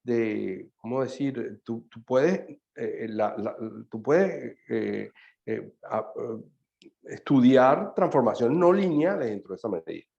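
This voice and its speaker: A man presenting at an online math seminar at a middle pitch, pausing often and restarting his sentences. His voice comes through a dull, lo-fi video call line. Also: lively intonation, gravelly, a little mellow. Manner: halting, many fillers and restarts. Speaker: seminar speaker. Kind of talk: academic talk and answers.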